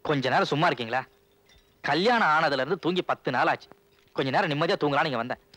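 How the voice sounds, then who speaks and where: A cocky young son-in-law. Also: male voice, on the high side, expressive, quick pace, pushed and bright, no room sound. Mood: breezy.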